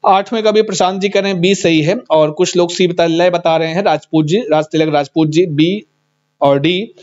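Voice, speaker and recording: A high-pitched man teaching a live exam-prep class over a dull, lo-fi stream. He is chatty and teasing, reading out students' answers and coaxing them along. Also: steady tone, normal speed, darkish tone. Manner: chatty, teasing, reads students' chat aloud. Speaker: Sanskrit teacher.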